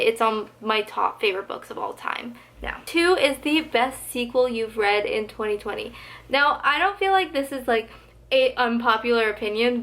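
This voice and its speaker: Fairly high in pitch and a bit bright, this young woman's voice is slightly giving out. She's a book vlogger doing a laid-back book tag, gushing and chattering to the camera with plenty of "like."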